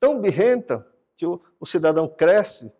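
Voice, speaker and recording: A man giving a sermon-like talk about the brain and God, explaining a drawing with animated delivery and repeating words for emphasis. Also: high voice, normal speed, in a large hall. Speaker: speaker teaching brain science and faith.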